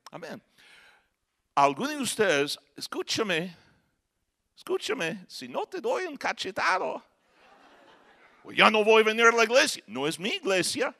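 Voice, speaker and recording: Man preaching, middle-aged, high voice, bright sharp tone, shifts between soft and shouted lines. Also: sing-song, a little slow, vocal fry. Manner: swings from quiet talk to shouted preaching; acts out voices and jokes with the congregation. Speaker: pastor. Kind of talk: sermon.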